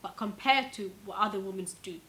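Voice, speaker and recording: A woman's voice: mid-range voice, a little fast, bright, forceful tone, slight background noise, rough recording. A woman from Somalia speaking earnestly in a documentary interview.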